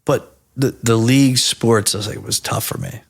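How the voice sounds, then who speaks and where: A man in his thirties from New Jersey, telling stories as a podcast guest in a casual, animated and profane way. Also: mid-range voice, moderate pace, creaky, slightly rough.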